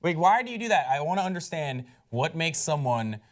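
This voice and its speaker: A man co-hosting an online pop culture talk show, his voice sitting somewhat high for a man. He rambles in a casual, animated way, sounding openly baffled, and leans on "like" as he talks. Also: a little fast. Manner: animated, incredulous, rambling with many "like"s. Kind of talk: casual panel chat.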